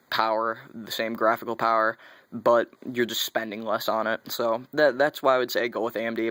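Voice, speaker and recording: A man's voice: mid-range voice, fairly bright tone, no echo. A young man chatting casually as he unboxes computer parts, rambling and correcting himself as he goes. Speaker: tech vlogger.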